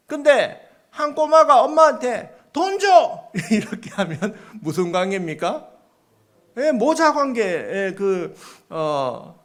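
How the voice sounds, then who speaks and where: A male pastor delivers a sermon in a high voice that rises and falls a great deal. He explains step by step, asks the congregation rhetorical questions, and acts out the voices he quotes.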